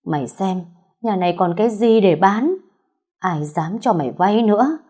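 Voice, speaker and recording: A woman voicing an elderly grandmother, worn out and bitter, with a hoarse, husky voice, reading a story aloud. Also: fairly low pitch, a little slow, darkish tone. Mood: bitter scolding. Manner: scolding and lamenting. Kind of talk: audiobook storytelling.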